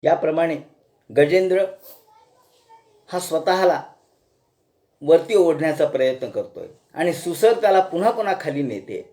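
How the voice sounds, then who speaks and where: A man delivers a devotional discourse on scripture, telling the story in a homely, folksy way. He asks his listeners rhetorical questions and chants verses between his plain explanations. His voice sits high for a man. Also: warm tone.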